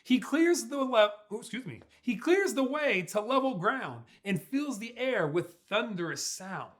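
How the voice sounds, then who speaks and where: A young adult man, a pastor, reads a picture book aloud to children in a small furnished room. His voice is high for a man and moves widely in pitch. He keeps a measured pace, drawing out words in a playful, animated storybook style.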